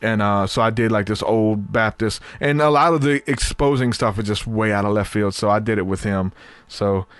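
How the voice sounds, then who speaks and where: A podcast host in his thirties speaks in a lowish, smooth voice at a moderate pace, captured on a dry recording. He chats casually and rambles, repeating words and using lots of fillers, and his voice is wearing out from talking so long.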